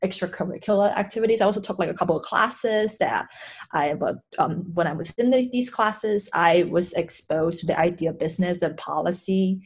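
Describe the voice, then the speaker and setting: A young woman from China, a guest in an interview, talking earnestly and a little hesitantly, with many pauses and restarts. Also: lowish voice, breathy edge. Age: young adult. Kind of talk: casual interview.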